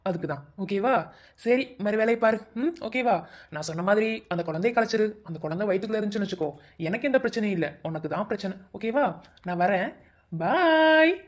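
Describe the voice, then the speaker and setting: A woman's voice: medium pitch, expressive, close to an everyday voice. A woman voicing a scheming, cruel young man in a cartoon love story, talking in a sneering, taunting way. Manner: sneering, taunting, fast talk. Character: scheming young male villain, cruel and mocking.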